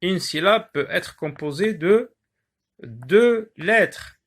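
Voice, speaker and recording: A male teacher giving a lesson on syllables, repeating words slowly and pausing often with hesitations. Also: sits high, animated, breathy edge. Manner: slow, drawn-out word repetitions with many "euh" pauses. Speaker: primary school teacher.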